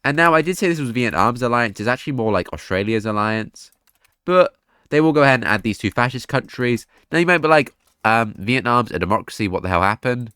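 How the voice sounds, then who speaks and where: A man's voice: mid-range voice, lively intonation, brisk, a bit bright, smooth, dry recording, clean studio sound. Sick man rambling over a map game. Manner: rambling, offhand. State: sick, congested voice. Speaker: map scenario YouTuber. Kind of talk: casual gaming commentary.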